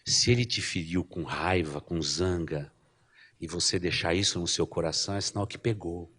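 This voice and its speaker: A middle-aged Brazilian pastor with a fairly low voice delivers a sermon in a lively storytelling way. He speaks with a Brazilian Portuguese accent and keeps turning to the congregation with quick questions. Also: slightly rough.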